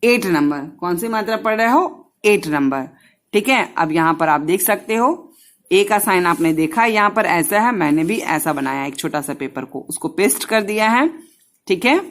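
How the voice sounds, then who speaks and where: A woman teaches young children, speaking. She stretches each syllable slowly and repeats the drill line by line. She addresses the kids gently and directly. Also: lowish voice, lively intonation. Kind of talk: children's Hindi lesson.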